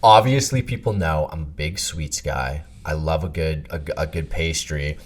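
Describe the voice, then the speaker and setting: Young male podcast co-host with a very low voice, animated and rambling. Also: moderate pace. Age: 20s. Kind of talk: casual chat.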